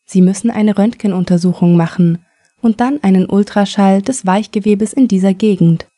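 A calm male surgeon, read by a woman who explains things in a measured way. The voice is mellow and dry. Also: medium pitch, no echo, natural voice.

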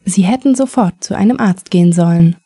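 A calm male surgeon, read by a woman who explains things in a measured way. The voice is mellow and dry. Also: mid-range voice, breathy edge, dry recording.

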